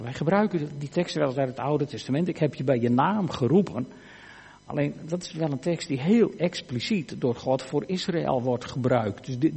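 A man preaching a sermon in a church, earnest, moving between emphatic lines and hushed, quiet ones. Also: a little high, slightly rough. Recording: church hall reverb.

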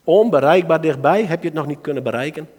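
A man with a Dutch accent preaching a sermon to a church gathering, swinging between soft asides and loud calls to his listeners. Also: a little high, fast talker. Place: church hall. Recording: reverberant hall.

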